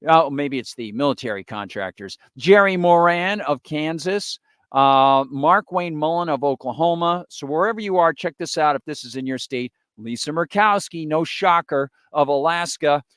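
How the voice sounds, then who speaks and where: A man's voice: a little high, normal speed, fairly bright tone, smooth, no room sound, clean studio sound. A man hosting a live political stream, reading through a list with sarcastic asides in opinionated commentary. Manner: sarcastic, reads off long lists with asides.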